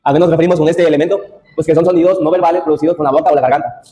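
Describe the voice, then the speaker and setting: A young man presents a topic to his classmates, reading from slides and stumbling into restarts. He talks very fast in a mellow, slightly raised voice. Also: a little high, steady tone, lo-fi sound. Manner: reads from slides with restarts and asides. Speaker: student presenter.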